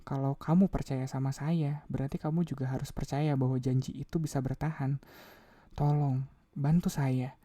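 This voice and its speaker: A man's voice: medium pitch, steady tone, moderate pace, dark tone, dry recording, close to an everyday voice. A man reading a novel aloud, voicing an earnest young man who coaxes and insists. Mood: desperate. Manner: coaxing, insistent.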